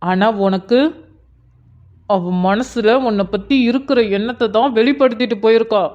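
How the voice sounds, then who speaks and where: நேரடியாகக் கண்டித்தும் ஆறுதல் சொல்லியும் பேசும் விசுவாசமான இளைஞன் நண்பனாக நடிக்கும் ஒருவர்; கார்ட்டூன் நாடகக் குரல். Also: male voice, extremely high pitch, fairly even intonation, moderate pace, darkish tone. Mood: scolding. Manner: scolding then soothing, direct. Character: blunt loyal young male friend. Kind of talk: cartoon drama voice acting. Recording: dull lo-fi sound.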